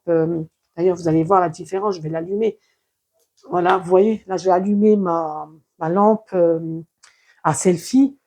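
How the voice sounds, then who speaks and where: Casual home vlogger, mid-pitched, rambling and filler-heavy, recorded on a clip-on phone mic while moving around the house. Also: warm tone. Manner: rambling, chatty, with frequent fillers and restarts. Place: home, moving between office and sewing room. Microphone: clip-on lapel mic plugged into a phone.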